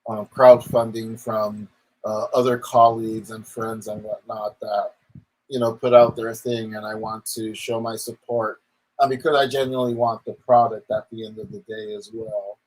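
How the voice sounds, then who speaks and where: A man's voice: on the low side, flat delivery, moderate pace, low-quality recording. A man delivers a casual opinion rant in the manner of an online commentator. He rambles along, leaning often on little verbal tics.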